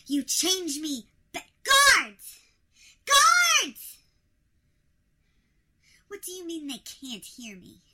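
A woman's voice: high-pitched, lively intonation, a little slow, hardly any pauses, sharp tone, heavily acted. A woman voicing a shrunken queen who protests imperiously and indignantly at her captor.

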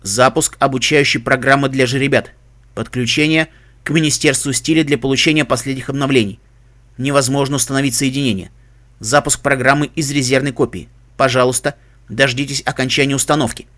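A metallic, emotionless helmet computer, voiced by a man, reads out terse status reports and word lists in a clipped, flat delivery. Its pitch sits mid-range and unremarkable. It is heard in a storybook-style reading. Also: a little fast, natural voice. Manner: terse system announcements and dictionary listings. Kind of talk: audiobook reading of a fan story.

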